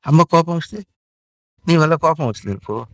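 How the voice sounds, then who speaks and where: A man's voice: a little high, expressive, brisk, no echo, studio quality. A man giving spiritual instruction to a child, repeating himself and asking questions emphatically. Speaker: spiritual teacher.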